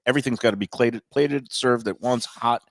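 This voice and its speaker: A man's voice: mid-range voice, a little fast, dry recording, clean studio sound. A man hosting a live chat show from a restaurant, easygoing and enthusiastic about food. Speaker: host.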